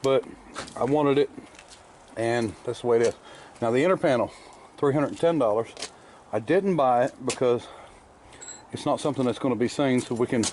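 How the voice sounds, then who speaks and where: A man's voice: medium pitch, moderate pace, long pauses, darkish tone, slight background noise. A man talking casually about restoration work in his workshop, rambling with lots of fillers while chewing candy. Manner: rambling, plainspoken, many fillers. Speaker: car restorer showing his shop work. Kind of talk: casual shop vlog narration. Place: workshop garage.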